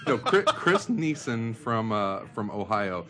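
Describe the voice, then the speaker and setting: A man hosting a podcast, reading out listener questions in a relaxed way with many fillers. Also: on the low side, slow pace, background noise. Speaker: podcast host. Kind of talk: casual podcast chat.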